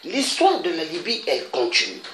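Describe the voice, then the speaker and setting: A man from Africa making an impassioned, repetitive public appeal, pleading with his listeners and pausing on interjections. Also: a little high, wildly swooping pitch, fairly bright tone. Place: Paris. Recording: echoey room with faint noise.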